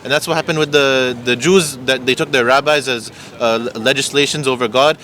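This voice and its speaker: Male street debater, rapid delivery, bright forceful voice, insistent and explanatory. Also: mid-range voice, steady tone, a little hiss or hum. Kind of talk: impromptu religious debate. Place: outdoors on an urban street.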